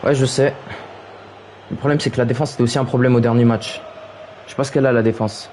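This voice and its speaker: A young man streaming his football video game, giving play-by-play commentary in a low calm voice that rises to high shouted calls on goals. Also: quick pace, a little hiss or hum.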